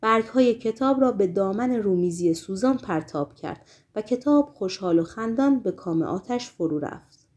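Mellow woman reading a novel aloud. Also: mid-range voice, expressive. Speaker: narrator.

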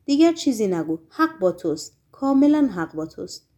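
A troubled male writer in a storybook speaks in weary, despairing phrases, performed by a woman. His lines trail off soft and low, carried in a mellow voice. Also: big pitch swings, close to an everyday voice.

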